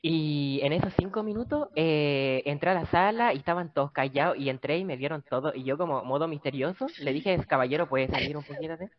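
A young man with a Chilean accent telling a story in casual chat with friends, acting out the dialogue in lively voices. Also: fairly high pitch, brisk, hardly any pauses, no echo, lo-fi sound. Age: young adult. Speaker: podcast guest.

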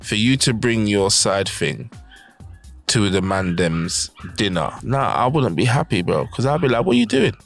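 A man's voice: on the low side, lively intonation, measured pace, soft background music. A man with a London roadman accent, chatting casually and in slang as a podcast host. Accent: London roadman, Multicultural London English.

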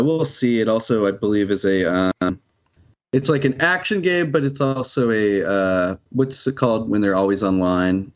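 A man casually chatting about video games on a podcast, rambling and laughing often, with casual swearing. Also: medium pitch.

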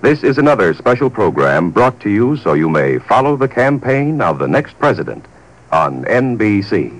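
A man's voice: lowish voice, very animated, normal speed, low-quality recording. Polished 1940s radio announcer man. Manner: formal, polished, emphatic.

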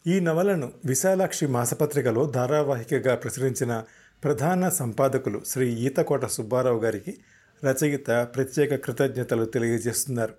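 Guy narrating audiobook novel, formal even reading, middle pitch. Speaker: storyteller and host.

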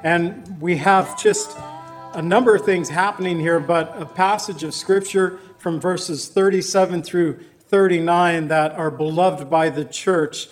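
A man preaching a verse-by-verse sermon as pastor, reading scripture slowly and with measure, and praying aloud in plain earnest words. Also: sits high, faint music behind.

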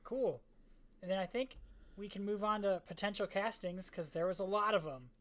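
A woman co-hosting a casual podcast, chatty and quick to find things funny. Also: medium pitch. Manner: amused, quick to laugh, chatty. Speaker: podcast co-host. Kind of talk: casual movie chat.

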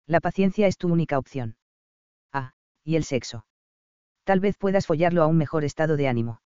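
A man's voice: a little high, expressive, brisk, dark tone, clean tone, no room sound, natural voice. A man voicing a teasing, matter-of-fact adult woman, the heroine's sister, in a romance audiobook. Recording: slightly dull, dry studio recording.

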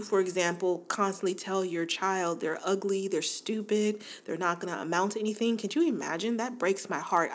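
A woman in her forties hosting a podcast in a casual, chatty monologue, laughing often and talking straight to her listeners. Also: medium pitch. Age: 40s. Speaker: podcast host.

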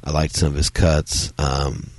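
Hosting a solo film review podcast, this man speaks in a very deep, gravelly voice that a cold has left strained. His casual talk rambles with many fillers and restarts, a little slow and with little pitch movement. It's a dry recording.

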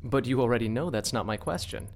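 A woman's voice: very deep voice, fast talker, darkish tone, a little hiss or hum. An actress voicing a hesitant, rambling young male crew recruit in an audio drama.

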